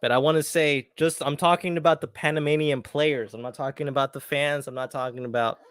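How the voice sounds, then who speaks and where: A man hosting a live soccer watchalong for his viewers, talking excitedly and slipping into when emotional. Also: a little high, fairly quick, clean tone, no room sound, clean studio sound. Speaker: watchalong host. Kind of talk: live match commentary to viewers.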